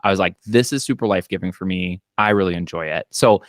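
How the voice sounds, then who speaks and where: This thirties-aged accountant and business owner, with a Minnesotan accent from the US Midwest, talks fast in a deep voice during a casual podcast chat. He's a relaxed storyteller, sprinkling in fillers and quoted asides, calling in by video from his home office. The audio is dry without echo.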